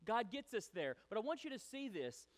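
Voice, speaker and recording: Guy preaching, kinda high voice, super animated, acts out little bits of dialogue. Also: fairly quick. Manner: animated, acts out quoted voices, chatty asides. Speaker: pastor. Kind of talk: sermon.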